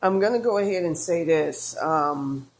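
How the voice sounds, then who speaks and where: A woman reading tarot, talking in a halting, rambling monologue with many fillers and restarts, woozy and out of breath. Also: fairly low pitch, expressive, darkish tone. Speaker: tarot reader.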